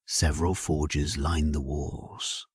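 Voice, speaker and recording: A man narrating a bedtime sleep story in a gentle, hushed, soothing way. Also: very deep voice, fairly even intonation, takes it slowly, slightly rough, no room sound, studio quality.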